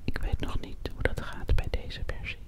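A woman in her thirties doing hypnotic ASMR in a breathy, unvoiced whisper close to a sensitive mic, repeating words over and over. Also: normal speed. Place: dim living room at home, indoors. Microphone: close, sensitive microphone, ear to ear.

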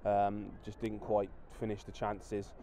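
Rugby coach, 30s, man; low dark voice, quick and flat, full of restarts, interviewed pitchside outdoors. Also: slight background noise. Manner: halting, many restarts and fillers. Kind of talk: post-match interview. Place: outdoors at a floodlit rugby ground at night.

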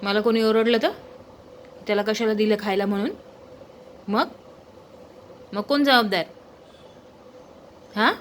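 A woman's voice: medium pitch, steady tone, measured pace, long pauses, a little hiss or hum. A woman chatting casually to her pet dog, coaxing and teasing it with repeated questions. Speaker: pet owner vlogger.

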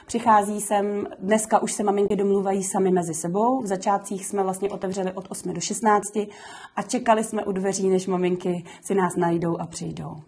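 A woman's voice: mid-range voice, fairly even intonation, a little mellow, breathy edge. A woman who runs a kindergarten, giving earnest, explanatory answers in a documentary interview, with frequent fillers. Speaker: kindergarten director.

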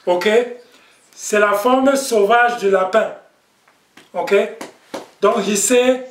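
A man's voice: high voice, drawn-out words. A man teaching a language class, patient, repeating each word and checking in with "ok?". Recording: echoey room, distant mic.

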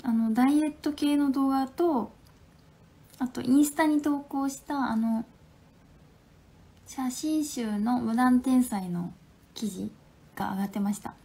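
Young woman, Hakata accent, slightly high voice, mellow tone, playful chatty livestream, laughs a lot, phone mic at home. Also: measured pace, pauses often. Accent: Hakata dialect. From Fukuoka, Japan. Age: 20s. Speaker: livestream host. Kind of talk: casual livestream chat reading viewer comments.

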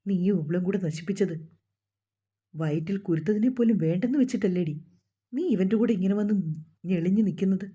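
A woman's voice: mid-range voice, mellow, breathy edge, close to an everyday voice. Woman voicing an angry scolding father. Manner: harsh scolding. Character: angry middle-aged father disowning his daughter. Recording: dull lo-fi recording.

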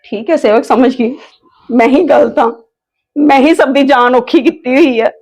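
A woman plays a high-voiced, headstrong unmarried sister-in-law in a web family drama. She argues defensively and slips into self-pity, insisting she has been kind. The voice sits well above the usual range for a woman. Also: moderate pace, darkish tone, reverberant. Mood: resigned. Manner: defensive, pleading and self-pitying. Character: stubborn unmarried sister-in-law who feels wronged.

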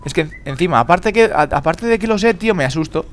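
Man, horror gameplay commentary, frantic and swearing, slightly high voice, clear background noise. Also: animated, fast talker. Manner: frantic, swears a lot, repeats words in panic. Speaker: gamer.

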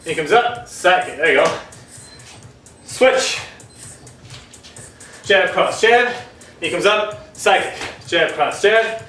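A man coaching a home kickboxing workout, energetic and encouraging, calling out moves while out of breath. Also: high voice, takes it slowly, long pauses. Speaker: fitness instructor. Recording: echoey room from far off, music behind.

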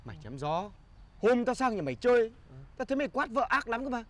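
An actor playing a loud, scolding friend in a comedy short. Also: male voice, very high voice, very animated, quick pace. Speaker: friend spying on a cheating wife. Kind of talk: comedic short-film acting.

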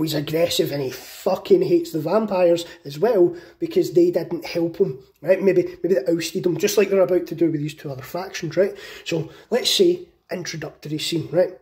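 Excitable, sweary man. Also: fairly high pitch. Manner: excited, profane, many fillers. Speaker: channel host. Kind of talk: casual pitch of a film idea.

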